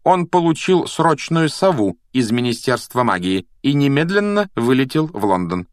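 A man's voice: mid-range voice, very animated, dry recording, studio quality, voice pushed up, close to an everyday voice. Professor McGonagall, stern and cold, as a man puts her on. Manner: cold, clipped, measured. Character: stern strict older woman professor.

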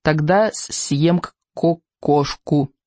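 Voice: mid-range voice, darkish tone, no echo. A narrator doing a stammering baby dragon. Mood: whiny hungry. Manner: stammering, halting, drawn-out syllables. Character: small stuttering hungry baby dragon, male. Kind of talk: audiobook reading.

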